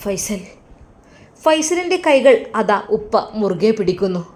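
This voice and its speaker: A woman narrates a moral story. Her delivery is emotive and emphatic, pressing on the key moments, and her voice sits at a middle pitch for a woman. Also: animated, moderate pace.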